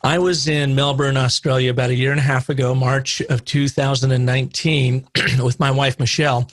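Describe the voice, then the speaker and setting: A middle-aged man tells a long anecdote on a podcast with lively energy, slipping into the voices of the people in his story. His voice sits at a middle pitch. The sound is dry and close, with no room echo. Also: normal speed. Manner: animated anecdote teller, acts out quoted dialogue. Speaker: guest, storytelling consultant.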